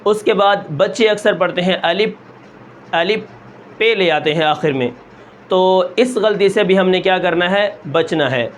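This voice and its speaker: A man teaching Quran recitation step by step, asking questions and answering them himself, and stretching sounds slowly to show them. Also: high voice, a little hiss or hum. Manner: asks the class a question, then answers it himself; draws out sounds long and slow to show them.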